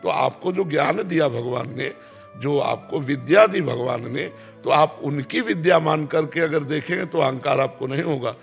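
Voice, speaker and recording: A man, calmly answering devotional questions as a spiritual teacher and repeating key phrases. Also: a little high, gravelly, soft background music. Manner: calm, repeats key phrases, chants verses slowly.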